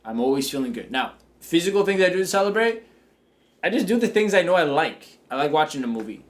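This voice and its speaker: A fast-talking business coach with a fairly high, sing-song voice hosts a coaching show. He keeps his motivational talk confident, upbeat and playful.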